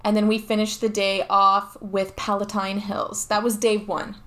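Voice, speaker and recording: A woman's voice: mid-range voice, level tone, normal speed, fairly bright tone. A young woman guest in casual chat, organized, running through lists, a little hesitant at times.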